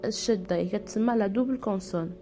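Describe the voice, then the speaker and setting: A woman with a Moroccan Arabic accent giving a patient language lesson, repeating each word slowly. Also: medium pitch, dark tone, soft background music. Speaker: French teacher.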